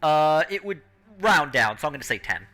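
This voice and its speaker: A man narrates a tabletop game casually as its game master. His voice is bright and very animated in its rise and fall, with faint music playing behind. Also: a little high, moderate pace.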